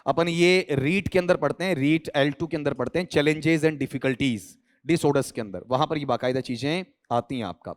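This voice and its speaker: A man's voice: fairly high pitch, moderate pace, hardly any pauses. A male English teacher from India going through an exam answer key, quizzing students with constant questions and spelling words letter by letter.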